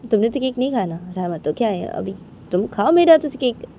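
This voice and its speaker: A woman voicing an affectionate young woman who coaxes and pleads in a raised, higher voice. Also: expressive, brisk, mellow, slight background noise. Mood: coaxing. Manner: coaxing, pleading, higher pitch.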